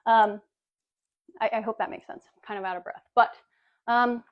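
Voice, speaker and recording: A breezy woman coach talks viewers through a workout demo in a slightly high voice, tossing out pet names as she goes. The audio is a bit dull and lo-fi, like a home livestream. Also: steady tone, moderate pace. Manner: chatty, breezy, calls viewers baby and girlies. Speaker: fitness coach. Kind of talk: casual live workout demonstration.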